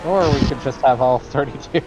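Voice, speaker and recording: Joking man over clear noise. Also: medium pitch, moderate pace, a little mellow, poor audio. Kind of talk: casual joking voice chat. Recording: clear engine noise behind voice.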